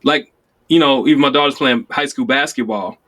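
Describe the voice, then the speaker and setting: A man in his forties from Chicago, telling stories in casual conversation, acting out quoted lines with sudden jumps in pitch. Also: normal speed. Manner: animated storyteller, acts out quotes with sudden high pitch jumps. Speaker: guest.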